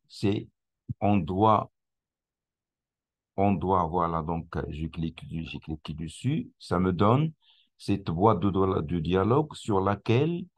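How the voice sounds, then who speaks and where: In a screen-recorded tutorial, a very deep-voiced man walks through a website, clicking through each step. A French speaker whose first language isn't English, he talks slowly and hesitantly, full of fillers and restarted phrases.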